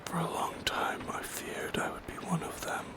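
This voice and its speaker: This soft ASMR roleplay has a man lightly acting as a forlorn, yearning creature of shadow. He whispers in broken, poetic, solemn phrases, his voice breathy with a creaky rasp, carrying a haunted, mournful mood.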